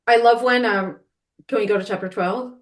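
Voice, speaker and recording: A woman co-hosting a casual book-discussion podcast, talking animatedly and quoting characters in quick asides. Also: a little high, steady tone. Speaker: podcast co-host.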